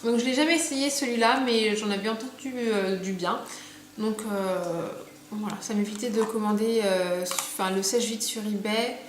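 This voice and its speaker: A woman's voice: medium pitch, fairly even intonation, normal speed. A young woman chatting casually about her purchases, full of fillers and restarts, recorded at home. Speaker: beauty vlogger. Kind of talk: casual haul video chat. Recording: echoey room, faint background noise.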